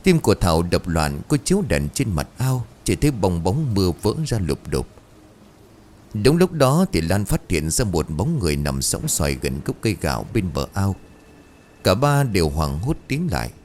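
A man's voice: low-pitched, big pitch swings, normal speed, darkish tone, a little hiss or hum. A man narrating a ghost story in a dramatic, suspenseful way.

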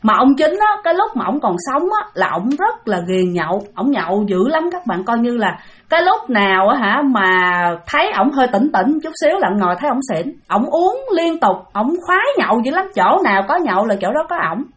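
A woman's voice: on the high side, big pitch swings, fairly quick, fairly bright tone. A woman with a Southern Vietnamese accent telling a ghost story in a chatty way, speaking straight to her listeners. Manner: chatty, addresses listeners directly, many fillers. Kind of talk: casual ghost story narration.

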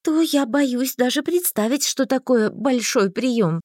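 A woman doing a young heroine in an audiobook, high-pitched and swinging up and down with emotion. She pleads and exclaims a lot. The recording is dry and close. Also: animated, measured pace, darkish tone, dry recording. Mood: anxious. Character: timid, excitable young heroine. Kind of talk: audiobook character voice.

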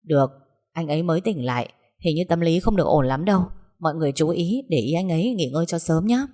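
Woman voicing a brisk, matter-of-fact doctor. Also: deep voice, expressive, warm tone. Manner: brisk, instructive.

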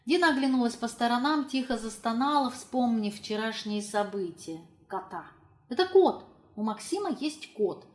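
Higher-voiced woman narrating a novel. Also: moderate pace, few pauses. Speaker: audiobook narrator. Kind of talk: literary audiobook narration.

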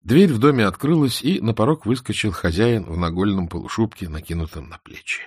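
A man calmly narrating an audiobook in a measured way. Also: lowish voice, slightly rough, no room sound, clean studio sound. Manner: calm, measured. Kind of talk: scripted narration.

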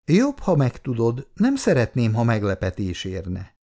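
A man voicing an indignant, sharp-tongued young wife in a raised voice. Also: huge pitch swings. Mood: reproachful. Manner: raised pitch, reproachful.

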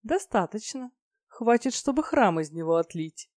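A woman's voice: mid-range voice, brisk, dark tone, dry recording, studio quality, natural voice. A woman voicing an immortal male dragon rector who scolds and then coaxes with sly bargaining. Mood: coaxing.

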